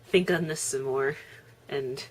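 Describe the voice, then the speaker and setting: Low-voiced young woman chatting on a vlog. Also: takes it slowly, a little hiss or hum. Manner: chatty, laughing, chewing while talking. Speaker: vlogger. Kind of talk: casual vlog chat.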